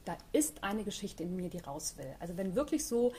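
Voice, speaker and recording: A woman's voice: mid-range voice, big pitch swings, brisk, dark tone, a little hiss or hum. A middle-aged woman author chatting reflectively in an interview, with frequent fillers. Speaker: author guest. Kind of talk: casual interview talk.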